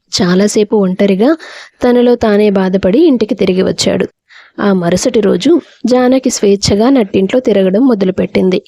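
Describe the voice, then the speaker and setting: A woman narrating a family story in a steady storybook reading style. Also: medium pitch, no room sound.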